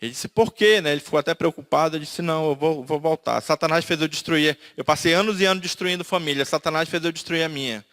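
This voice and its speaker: A man's voice: a little high, quick pace, hardly any pauses, a bit bright. A man from Manaus with a Brazilian Portuguese accent, giving an emotional personal testimony and acting out the dialogue as he tells it. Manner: storytelling, acts out quoted dialogue. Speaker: testimony speaker.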